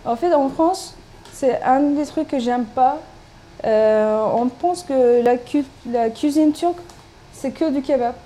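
A high, warm voice that takes its time belongs to a Turkish doctoral student in her thirties, a native speaker of Turkish. Being interviewed, she replies casually and tentatively, with plenty of fillers and false starts, and background noise can be heard.

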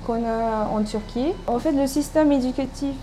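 Her pitch is on the high side and her pace moderate, with a mellow quality. A woman from Turkey in her thirties, she's a doctoral student being interviewed, answering informally with lots of hesitation, fillers, and restarts, over background noise.

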